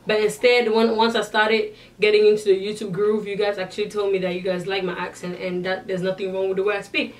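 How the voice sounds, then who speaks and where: A distant mic picks up a young woman's medium-pitched voice as she chats with viewers and answers their questions, restarting frequently. She has a non-native English accent, and the casual Q&A vlog is filmed indoors against a sequined backdrop.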